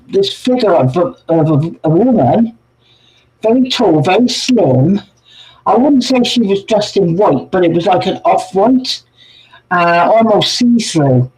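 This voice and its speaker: A man's voice: high voice, rough recording. A man chatting casually on a livestream as co-host, telling ghost stories and greeting viewers by name over a video call. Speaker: co-host, paranormal investigator.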